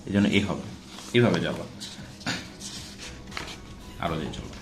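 A man's voice: deep voice, expressive, a little slow, echoey room, soft background music. A man teaching an English grammar lesson in a casual classroom style, repeating example words and checking in with rhetorical questions.

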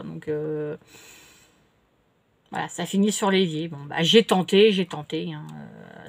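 A middle-aged woman chats at home and answers her viewers' comments. Her voice sits a little high. She rambles on, full of fillers and restarts, in a relaxed vlog tone. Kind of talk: casual chat. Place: home, indoors.

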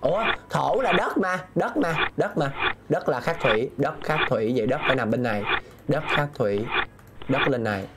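A man's voice: mid-range voice, lively intonation, normal speed, very noisy. A man streaming a game, talking himself through puzzles and reading viewers' messages aloud. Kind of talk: live gameplay commentary.

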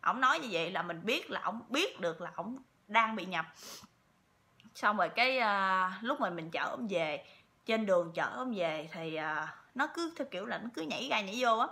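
Woman vlogging a story, chatty, repeats herself a lot, bright voice. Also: mid-range voice. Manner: chatty, with many repeats and fillers. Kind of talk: casual storytelling to viewers.

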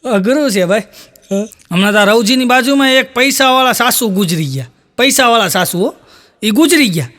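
Very high and pushed, with a bright edge, this man's voice moves briskly and expressively through a live stand-up set. He's a comedian with a Kathiyawadi Gujarati accent, and he stacks "he said" tags throughout his storytelling.

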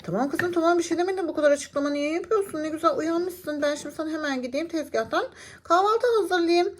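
A woman's voice: extremely high pitch, quick pace. A woman voicing a chatty, suspicious mother in a children's doll-play story, mildly scolding. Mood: fussing.

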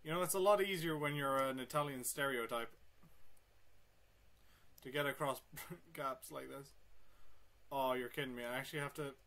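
A man's voice: mid-range voice, moderate pace, long pauses, fairly bright tone. A young man commentating his own gameplay, swearing and talking to himself, with sudden yelps. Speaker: gamer. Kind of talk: let's play commentary.

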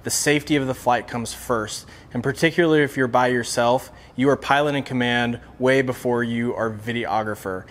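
A man, hosting a casual instructional aviation vlog to camera. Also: medium pitch. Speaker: host of an aviation channel. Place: open metal aircraft hangar.

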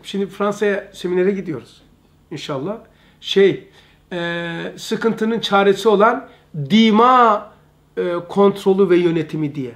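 A man giving an informal religious lesson, emphatic and repetitive, often calling his listeners brother. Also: sits high. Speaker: religious study teacher.

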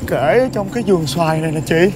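A man's voice: a little high, expressive, fast, lightly acted. A man playing a timid younger brother, whiny and fearful. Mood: spooked. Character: timid younger brother telling ghost tales. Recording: noisy outdoor recording.

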